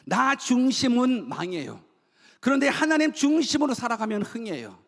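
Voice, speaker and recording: A man's voice: very high-pitched, big pitch swings, normal speed, vocal fry. A male pastor preaching a sermon to his congregation, posing rhetorical questions and leading them in call-and-response repetition. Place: church sanctuary. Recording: long church hall reverb.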